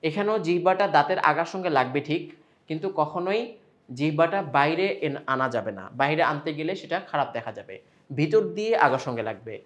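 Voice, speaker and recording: Bangladeshi guy teaching quran letter sounds, a bit high voiced, drags out the example sounds slowly. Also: animated, fairly bright tone. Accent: Bangladeshi Bengali. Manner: slow drawn-out sample sounds between explanations. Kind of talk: step-by-step pronunciation lesson.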